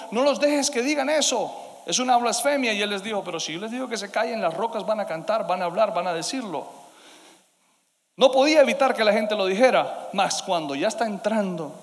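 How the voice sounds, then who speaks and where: High-voiced preacher in a reverberant hall. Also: male voice. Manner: dynamic preaching, swinging between loud emphasis and hushed asides. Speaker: pastor. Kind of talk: sermon.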